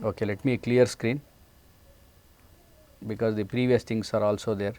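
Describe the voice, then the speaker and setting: Speaking at a normal speed in a lowish, warm voice with flat delivery, a forties-aged man with an Indian English accent walks through a programming lesson step by step. He hesitates often, using many fillers. The classroom lecture was recorded indoors in a studio set.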